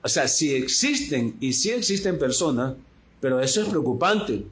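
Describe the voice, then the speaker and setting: A man's voice: medium pitch, lively intonation, moderate pace, fairly bright tone, a little hiss or hum. A man teaching a Bible study, emphatic and addressing his listeners directly, often repeating himself. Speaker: preacher.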